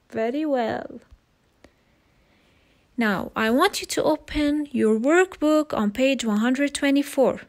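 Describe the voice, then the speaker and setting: Woman teacher, high voice, slow and patient, walks kids through a slide lesson. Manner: slow, patient, repeats words for young learners. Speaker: English teacher. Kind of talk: recorded slide lesson for children. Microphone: voice-over on slides.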